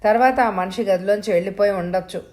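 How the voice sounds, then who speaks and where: A woman doing a scared shaken young woman in a spoken thriller, answering quietly and uneasily, close to the reader's own voice. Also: mid-range voice, fast, lightly acted. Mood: uneasy. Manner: hushed, uneasy replies.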